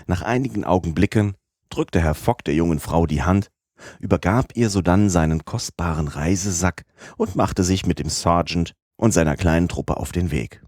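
Man, deep low voice, measured audiobook narration, dry close sound. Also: a little mellow, dry recording.

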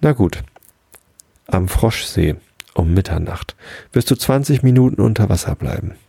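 A man's voice: fairly low pitch, animated, gravelly, mellow, husky, dry recording, full character voice. A man doing a mocking sly fox. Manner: taunting, drawn-out.

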